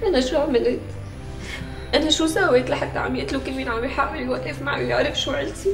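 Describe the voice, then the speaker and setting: A woman's voice: high voice, racing, roomy sound, over music. An anxious pleading young woman. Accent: Syrian Arabic. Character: troubled young woman fearing for her helpers. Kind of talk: TV period drama acting.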